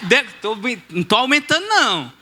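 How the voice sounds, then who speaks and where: Man, preacher, high voice, storytelling sermon. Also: brisk. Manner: lively, acts out dialogue.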